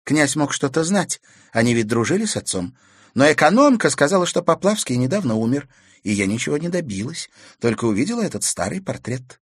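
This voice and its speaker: A man voicing a calm, persistent teenage girl. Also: on the high side, a little fast, slightly rough, no echo, clean studio sound, voice pushed up, full character voice. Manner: steady and probing.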